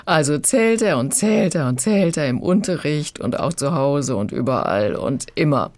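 A woman's voice: sits low, lively intonation, normal speed, a little mellow. A woman critic chattily summing up a children's book on the radio. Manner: chatty, summarizing.

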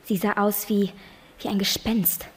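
A young girl reading a children's novel aloud, breathy and expressive. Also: mid-range voice, unhurried. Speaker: reading contest winner.

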